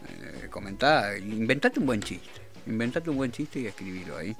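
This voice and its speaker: Speaking over music, a male radio show host with a Rioplatense Argentine accent jokes and rambles through a casual chat, entertained by himself. His voice is on the low side, expressive, and at a normal pace.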